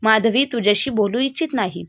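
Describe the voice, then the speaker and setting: Woman voicing a calm, firm mother. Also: fairly high pitch, brisk, dry recording, studio quality. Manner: soothing but firm. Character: protective middle-aged mother, calm and firm.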